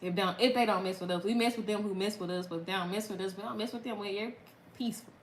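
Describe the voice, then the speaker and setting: A woman's voice: mid-range voice, steady tone, fast, roomy sound, slight background noise, rough recording. A woman from Mississippi with a Southern accent, chatting casually to her viewers on a livestream and laughing often. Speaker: content creator.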